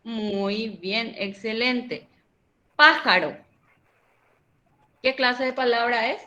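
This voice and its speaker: A woman teacher speaks slowly and patiently, her fairly high voice bright and clear. She walks her students through a grammar lesson and checks each answer with questions. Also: muffled recording. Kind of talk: online Spanish grammar lesson.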